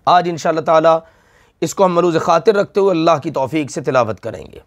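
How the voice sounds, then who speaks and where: A man's voice: a little high, brisk. A middle-aged man teaching Quran recitation rules, stretching out the sounds he recites and patiently repeating each rule with questions for the listener. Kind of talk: slow Tajweed lesson with drawn-out recitation.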